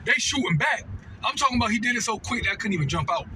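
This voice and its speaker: Very high-voiced and expressive, an American man fires off a personal story at a rapid clip in a sharp tone. As a storytelling vlogger he speaks off the cuff in slangy, repetitive fashion, often asking "right?" or "know what I mean" to make sure the listener is with him. There's slight background noise.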